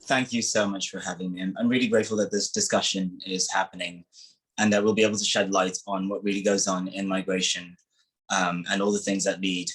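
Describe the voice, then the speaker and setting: Low flat-voiced Ghanaian man. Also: a little fast, slightly rough, low-quality recording. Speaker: panelist. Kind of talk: formal panel introduction. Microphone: video call.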